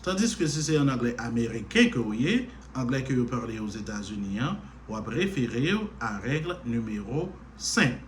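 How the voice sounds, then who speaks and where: A man's voice: mid-range voice, big pitch swings, moderate pace, hardly any pauses, slight background noise. A Haitian man teaching English grammar in a patient lesson style, repeating words to stress their syllables. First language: Haitian Creole. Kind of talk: slow explanatory lesson.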